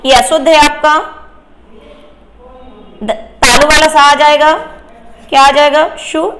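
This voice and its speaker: Woman, high voice, teacher, grammar lesson, slow explaining, questions to the class she answers herself. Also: fairly even intonation, a bit bright, slight background noise. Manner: explains slowly, asks and answers her own questions.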